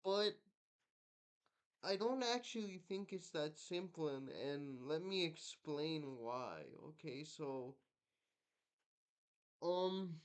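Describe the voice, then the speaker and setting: A man's voice: fairly high pitch, lively intonation, slow, long pauses, clean tone. A young man from Guatemala talking casually and reflectively to his viewers, with many ums and likes. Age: young adult. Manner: reflective, lots of fillers like um and like. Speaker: vlogger. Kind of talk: casual personal monologue.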